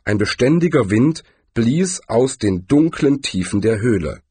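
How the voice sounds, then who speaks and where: A man narrating an audiobook with expressive storytelling. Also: medium pitch, unhurried, husky, no echo.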